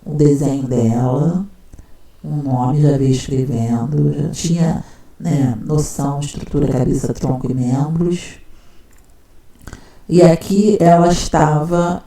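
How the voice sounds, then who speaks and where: Mellow-voiced woman teacher. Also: low-pitched. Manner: conversational, checks in with listener often. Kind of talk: casual explanatory talk.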